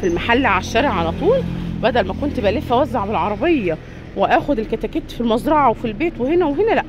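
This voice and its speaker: A woman's voice: on the high side, expressive, rapid-fire, a little hiss or hum. A woman with an Egyptian Arabic accent casually touring viewers around a poultry yard and shop, talking straight to them as she walks. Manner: chatty, addresses viewers directly while touring. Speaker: vlogger giving a tour. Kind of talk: casual walk-through vlog.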